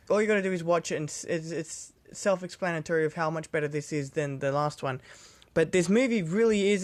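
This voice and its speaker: A young man with a high-pitched voice chats through a movie review. He rambles, swears casually and trips over restarts and fillers. The sound is dry and close, with no room echo.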